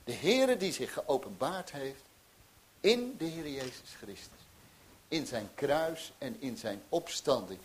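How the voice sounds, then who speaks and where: A middle-aged man preaching a sermon, animated, with restarts and emphatic peaks. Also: mid-range voice, slow, a little hiss or hum.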